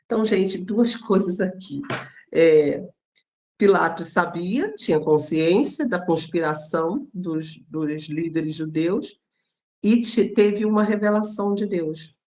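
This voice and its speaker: A woman's voice: on the low side, takes it slowly, a little mellow. Brazilian woman giving a chatty Bible talk. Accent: Brazilian Portuguese. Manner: conversational, addresses listeners directly, explains with everyday examples. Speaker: Bible teacher. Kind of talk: informal devotional Bible talk.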